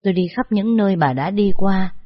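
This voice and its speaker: A narrator voicing an elderly man, a street zither player, who speaks in a halting, trembling way. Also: medium pitch, husky, pitched above the performer's own voice, natural voice. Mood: tremulous. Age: over 60. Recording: dull lo-fi recording.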